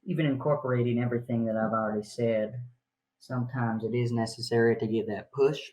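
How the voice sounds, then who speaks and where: A man playing an awkward, earnest young streamer, halting and polite, in a found-footage film. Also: medium pitch, fairly even intonation, darkish tone, a little hiss or hum, natural voice, rough recording. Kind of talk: acted livestream and phone talk in a found-footage film. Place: small bedroom.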